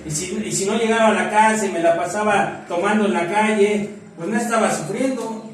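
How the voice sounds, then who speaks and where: A middle-aged man with a Mexican accent telling his own story at a recovery meeting in rough, slangy talk, acting out the friends he quotes. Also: sits high, fairly quick, recorded from a distance, a little hiss or hum. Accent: Mexican Spanish. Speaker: AA group member sharing testimony. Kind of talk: personal testimony at a recovery meeting. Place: meeting room. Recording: very echoey room, speaker off-mic, faint music.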